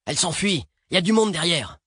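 A man reading an audiobook plays a police officer spotting danger and calling it out in raised, urgent bursts. The voice sits well above his own narration and keeps a husky edge. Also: a little high, animated, quick pace, no echo, studio quality, voice pushed up. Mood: alarmed. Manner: urgent shouted warnings. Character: alarmed male cop calling out danger.

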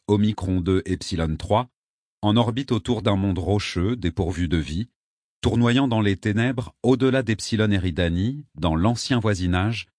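Steady male audiobook narrator, dry sound. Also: sits low, no room sound. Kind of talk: scripted narration.

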